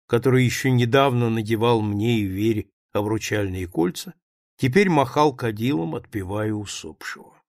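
A male narrator reads a novel with lively swings in pitch. His delivery is expressive and measured. The recording is dry and close. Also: no room sound. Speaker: audiobook narrator. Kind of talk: audiobook reading of a novel.

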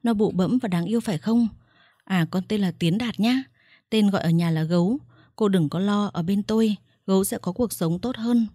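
Brief: woman doing a calm, icy wife, polite and firm, husky warm voice. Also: mid-range voice, moderate pace, no room sound, clean studio sound, natural voice. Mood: cool. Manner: composed, icily polite. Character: calm, coolly triumphant wife.

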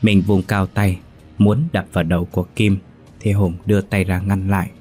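Brief: male horror narrator, husky and low, faint music underneath. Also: flat delivery, normal speed, mellow. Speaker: storyteller. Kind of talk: scripted horror story narration.

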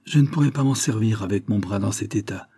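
A man reading the part of a wounded, exhausted drifter who gives low, terse, calm orders. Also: a little fast, breathy edge. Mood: murmuring. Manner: terse, low murmured commands. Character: wounded weary male drifter, calm and commanding.

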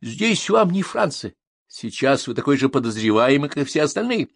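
A man's voice: medium pitch, sing-song, moderate pace, dry recording, studio quality, voice pushed up. A man reading an audiobook, voicing a brusque, impatient male police commissar. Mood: curt commanding. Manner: brusque, commanding.

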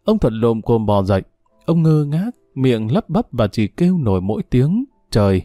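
A man narrating a dramatic audiobook in an expressive, emotive way. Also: medium pitch, normal speed, dry recording. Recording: dry studio voice over faint music.

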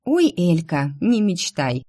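A woman's voice: fairly low pitch, sing-song, slow pace, dark tone, no echo, studio quality, heavily acted. A woman voicing a cheeky young sister who whines and brushes things off, in an audiobook. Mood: dismissive. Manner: whiny and dismissive.

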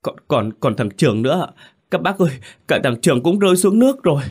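Casting: man playing a sobbing, frantic village boy, high strained voice. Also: sing-song, fast talker, a little mellow, husky, heavily acted. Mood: panicked, crying. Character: terrified village boy, crying.

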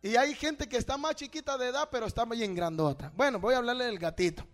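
A male preacher with a strikingly high voice delivers a fervent sermon. He swings from loud exhortation to hushed storytelling. He keeps calling the listeners brother and asking them questions. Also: fast. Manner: addresses listeners as brother, asks rhetorical questions. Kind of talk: evangelical sermon.

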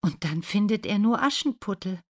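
A woman's voice: mid-range voice, lively intonation, moderate pace, voice pushed up, natural voice. A woman voicing a shy, timid young servant girl at a royal ball in a storybook reading. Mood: flustered.

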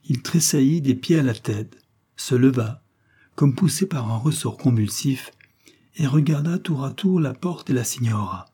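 A male narrator reads a nineteenth-century story aloud at a measured, literary pace. His voice is dark and mellow, with a husky, breathy edge. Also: mid-range voice, animated. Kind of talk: audiobook reading of a 19th-century story.

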